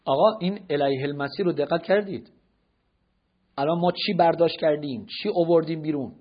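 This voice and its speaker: High, husky-voiced man giving a religious lecture. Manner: questioning, rhetorical and didactic. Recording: dull lo-fi lecture recording.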